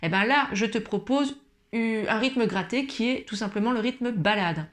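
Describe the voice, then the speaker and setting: A woman giving a patient guitar lesson, explaining chords slowly and singing short examples. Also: on the high side. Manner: patient, explains slowly, sings along softly. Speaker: guitar teacher. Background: acoustic guitar playing.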